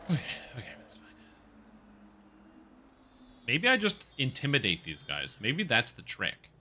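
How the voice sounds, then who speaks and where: Bright-voiced streamer man on headset audio. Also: mid-range voice, wildly swooping pitch, a little slow, a little hiss or hum. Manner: talkative, reacts loudly to gameplay, swears. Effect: livestream headset audio. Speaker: livestreamer. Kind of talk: casual gaming commentary, chatting with viewers. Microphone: livestream headset mic.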